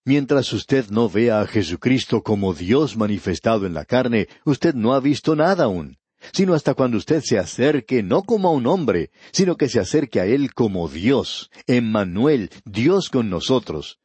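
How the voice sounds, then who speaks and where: A husky-voiced man gives a radio Bible teaching in a dry, close sound. He reads scripture slowly and deliberately and speaks straight to the listener. His pitch sits in an ordinary middle range for a man. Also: a little mellow, no room sound. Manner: addresses the listener directly.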